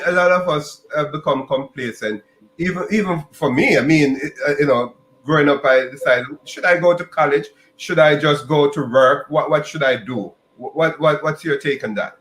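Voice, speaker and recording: A man from Jamaica, hosting a podcast interview and talking in halting bursts with restarts and repeated words. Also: a little high, fairly bright tone, reverberant, poor audio. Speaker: podcast host.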